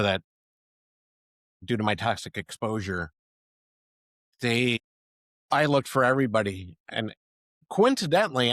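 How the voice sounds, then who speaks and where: A middle-aged man hosting a conversational podcast, rambling with restarts and giving enthusiastic shout-outs. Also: mid-range voice, no echo. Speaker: podcast host.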